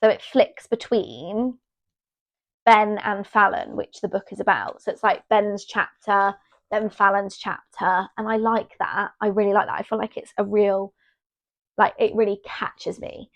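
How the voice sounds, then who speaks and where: A woman's voice: mid-range voice, fairly even intonation, unhurried. A young woman chatting casually to her camera as a vlogger, rambling and restarting her sentences. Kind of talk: casual chat. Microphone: small mic on her.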